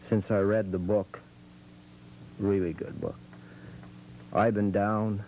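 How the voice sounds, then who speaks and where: A man playing a down-and-out middle-aged drunk who rambles slowly about his troubles. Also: on the low side, warm tone, a little hiss or hum, low-quality recording. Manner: slow, rambling, self-pitying.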